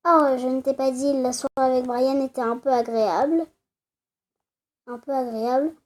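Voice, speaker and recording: A woman's voice: high voice, fairly even intonation, normal speed, lightly acted. A woman reading out the lines of a friendly young woman in a dating game, in a plain reading voice. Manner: reads the on-screen lines plainly.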